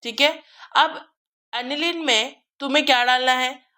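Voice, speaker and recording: A woman's voice: high voice, measured pace, bright, forceful tone. A young woman teaching chemistry in a lecture, repeating each step and quizzing her students as she goes. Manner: repeats steps and quizzes students, calls them beta. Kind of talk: Hindi-English classroom lecture.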